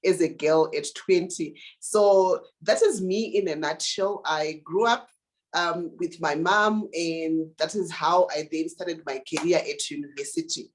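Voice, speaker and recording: A woman's voice: deep voice, measured pace. A young woman from Zimbabwe, a digital marketing consultant, tells her life story in an interview, earnest and full of fillers and restarts. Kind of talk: interview answers, personal story.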